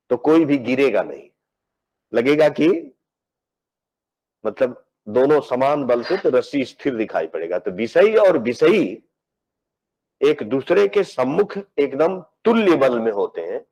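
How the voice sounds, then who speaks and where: A man, a philosophy professor, giving a measured academic lecture. He explains step by step, often repeating words as he searches for phrasing, and mixes English technical terms into his speech. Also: medium pitch, darkish tone, poor audio.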